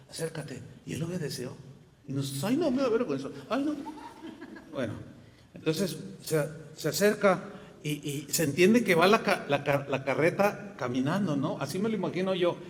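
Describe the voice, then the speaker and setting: A male pastor, preaching a sermon and acting out little dialogues in a large church hall. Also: a little high. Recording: long hall reverb.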